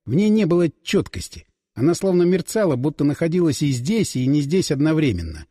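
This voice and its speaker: A man narrating a first-person audiobook in a dramatic, expressive reading. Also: on the high side, a little fast, breathy edge. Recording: dry close voice with long reverb.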